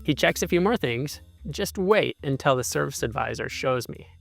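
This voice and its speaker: A man's voice: medium pitch, animated, moderate pace, gravelly. A man hosting and narrating a consumer investigation with an emphatic, indignant delivery. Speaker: video host and narrator. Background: music.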